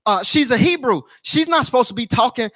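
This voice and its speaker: A man's voice: very high voice, animated, brisk, fairly bright tone, no echo. A man preaching a sermon in church, repeating his lines in a rhythmic build and sometimes breaking into a sung chant. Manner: repetitive, rhythmic preaching with call-outs to the congregation.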